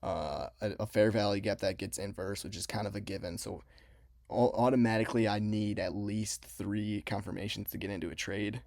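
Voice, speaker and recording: A young trading vlogger with a lowish, creaky, darkish voice explains things casually at a moderate pace and in a steady tone. His mouth is numb from having a cavity filled. The studio-quality recording has no room sound.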